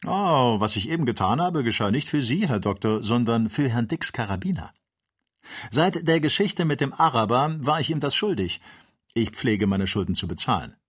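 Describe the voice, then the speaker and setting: A man voicing a plucky young servant, higher. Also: lively intonation, moderate pace, breathy edge. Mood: cheeky. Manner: plucky, offhand. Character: loyal cheerful young male servant.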